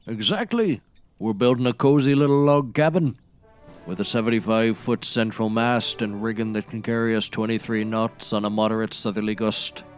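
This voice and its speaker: In a scripted comedy, an actor plays a grandiose woodsman obsessed with seafaring, declaiming nautical bombast in a grandly eager mood. His voice is fairly low-pitched and lightly acted, at a normal speed, with faint music behind him.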